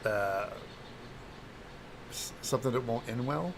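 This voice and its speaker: A slightly hungover man with a phlegmy throat, hosting a casual craft livestream in a halting, distracted, apologetic way while he works and chats to viewers. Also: medium pitch, noisy background. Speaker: livestream host, craft demonstrator.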